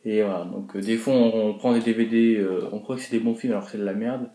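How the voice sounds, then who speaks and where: A man's voice: fairly low pitch, steady tone, fast, mellow. A young man talking casually in a haul video, rambling with lots of filler words and short chuckling asides. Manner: rambling, full of "voilà" and "donc euh" fillers, chuckling asides. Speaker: horror film collector vlogger. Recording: echoey room with faint noise.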